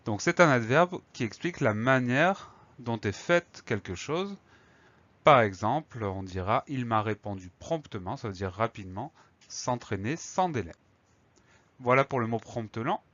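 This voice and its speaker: Male teacher, for a dictation lesson: mid-pitched, dictating with careful repetition, dry and slightly muffled sound. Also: lively intonation, unhurried, fairly bright tone, no room sound. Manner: didactic, dictating words, carefully enunciating and repeating key words. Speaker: teacher giving a spelling lesson. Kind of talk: slow instructional explanation for a dictation lesson.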